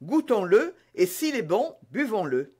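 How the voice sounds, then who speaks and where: A man's voice: sits high, sing-song, measured pace, darkish tone, husky, heavily acted. A man voicing a jovial, hearty musketeer who relishes his words in a storybook reading.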